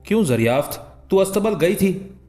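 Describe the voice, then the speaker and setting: A hot-tempered governor who shouts his questions in a raised, higher voice, put on by a male audiobook reader. Soft music plays faintly behind him. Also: animated, normal speed. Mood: angry. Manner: shouting, scolding. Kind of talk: audiobook character voice.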